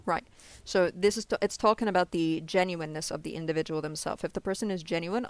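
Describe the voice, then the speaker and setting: A man's voice: sits high, smooth, dry recording. A man in a street debate about faith, patiently explaining and often checking "you understand?". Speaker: religious debater.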